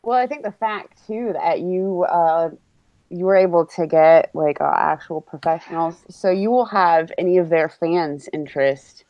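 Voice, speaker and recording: A woman's voice: on the low side, unhurried, no room sound, highs cut off. A woman hosting a casual stream interview, chiming in with short encouraging remarks. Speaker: stream host.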